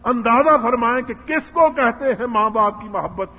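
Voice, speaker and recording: A man's voice: very high voice, lively intonation, breathy edge. A man giving a religious lecture, telling a story earnestly and acting out its dialogue. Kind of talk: Islamic lecture. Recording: muffled hall recording with long reverb.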